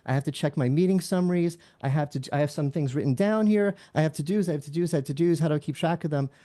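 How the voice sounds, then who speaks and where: A man on a tech analyst panel who talks with animated energy and acts out what others said. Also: a little high, fast. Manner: animated, acts out quotes with rising excitement. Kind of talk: casual panel discussion.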